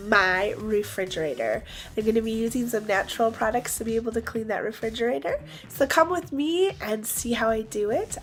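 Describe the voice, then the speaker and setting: A young woman vlogging as she cleans her fridge, chatty and upbeat, talking straight to her viewers while her voice is partly gone. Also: on the high side. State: voice partly lost. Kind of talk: casual cleaning vlog.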